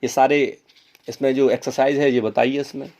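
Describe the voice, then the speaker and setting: A man's voice: mid-range voice, steady tone, normal speed, a little mellow, slight background noise. A man teaching a Hindi grammar lesson, repeating words and asking and answering his own questions. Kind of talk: classroom lesson.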